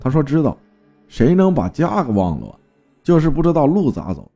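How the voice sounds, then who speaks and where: A man narrating a folk ghost story in a lively, vivid storytelling manner. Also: a little high, a little fast, gravelly, soft background music.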